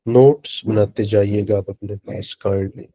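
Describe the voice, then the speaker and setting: Slow, patient man teaching Arabic. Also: fairly low pitch, steady tone, warm tone. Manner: slow, patient, repeats words for students. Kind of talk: online lecture in Urdu.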